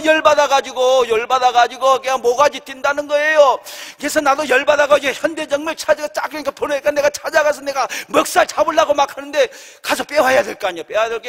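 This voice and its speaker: Middle-aged male pastor, high pitch, animated sermon storyteller, echoing hall. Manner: animated retelling, heated and shouting at times. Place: church sanctuary. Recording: long hall reverb.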